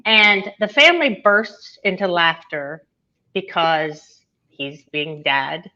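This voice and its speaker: A woman's voice: lowish voice, slow pace, sharp tone, muffled recording. A woman, an author and former nurse, telling a personal story as an interview guest, getting emotional and laughing at times.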